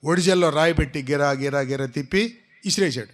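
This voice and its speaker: A man's voice: fairly high pitch, fairly quick. A man preaching a sermon, telling a story with animation and calling out questions to his congregation. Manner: animated storytelling, asks the congregation questions and urges them to shout.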